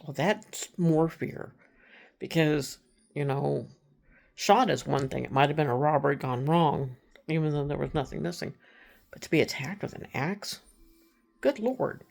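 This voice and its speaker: A woman from Texas casually retelling a true crime case, chatty, acting out the people she quotes and dropping to hushed tones. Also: low-pitched, normal speed, creaky.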